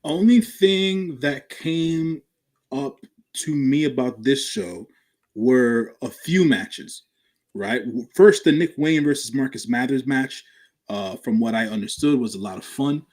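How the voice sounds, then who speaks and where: A man co-hosting a podcast, giving measured, hedging commentary in casual chat. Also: mid-range voice, darkish tone. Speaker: podcast co-host.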